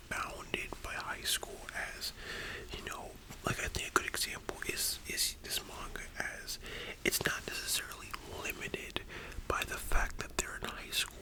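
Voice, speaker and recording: A soft, breathy library whisper carries this ASMR whispered role-play. The speaker plays a librarian and rambles informally through personal opinions, staying almost entirely unvoiced. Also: a little slow, low-quality recording. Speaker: ASMR performer.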